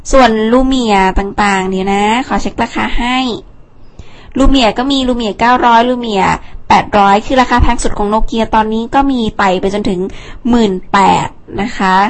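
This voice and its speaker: A young woman hosting a casual phone rundown, chatty, with fillers and asides. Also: on the high side. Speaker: tech show host.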